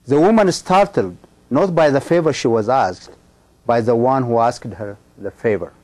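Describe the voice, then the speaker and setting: A middle-aged man from Ethiopia giving a sermon, speaking in a measured, emphatic way with frequent pauses and ums. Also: medium pitch, a little mellow. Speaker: pastor.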